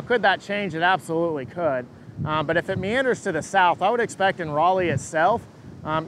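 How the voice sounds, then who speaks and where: A man giving an unscripted live weather update as a forecaster, answering questions in a halting way and repeating words as he thinks. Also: a bit bright, rough recording. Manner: hesitant, halting, repeats words mid-thought. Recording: engine rumble and wind noise.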